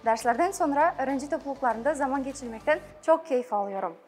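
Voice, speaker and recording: High-pitched young woman, non-native Turkish speaker. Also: animated, fast, faint music behind. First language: not Turkish. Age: young adult. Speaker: university student. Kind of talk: prepared presentation.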